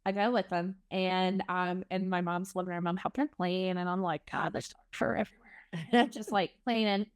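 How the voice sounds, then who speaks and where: A young woman, a guest on a podcast, telling a lively story and acting out quotes. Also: moderate pace, clear, resonant tone. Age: young adult. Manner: animated, acts out quotes with big pitch jumps. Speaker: guest, foster parent.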